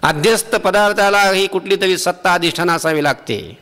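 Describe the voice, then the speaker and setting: A man giving a devotional sermon as a preacher, asking the listeners questions and answering them himself, and slowing down to chant verses. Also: high-pitched, sharp tone, big-room sound. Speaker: Varkari preacher.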